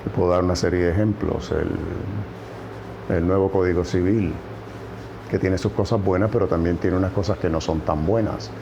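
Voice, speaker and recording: A man's voice: low-pitched, steady tone, moderate pace, gravelly, dull audio, noisy background. A man with a Puerto Rican accent giving political commentary on a news program, stressing points by repeating words. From Puerto Rico.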